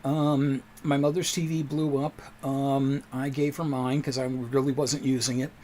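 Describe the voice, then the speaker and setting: A man's voice: mid-range voice, flat delivery, measured pace, a little mellow, a little hiss or hum. A man hosting a casual livestream from his home computer desk, talking into a desk microphone in a chatty, rambling, self-deprecating way. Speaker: livestream host.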